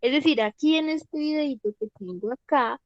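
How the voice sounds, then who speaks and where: A woman's voice: sits high, normal speed, dry recording, lo-fi sound. A woman, an English teacher explaining a lesson patiently and often checking that students follow. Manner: patient, repeats "¿listo?" to check understanding. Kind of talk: online class explanation.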